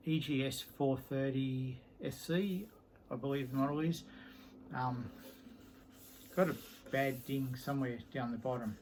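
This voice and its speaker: Middle-aged male collector, casual and unhurried, mid-pitched, rambles with plenty of filler words, faint room hum behind. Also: low-quality recording. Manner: rambling and easygoing, with many ums and trailing sentences. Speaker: guitar collector showing his instruments. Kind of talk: casual show-and-tell vlog.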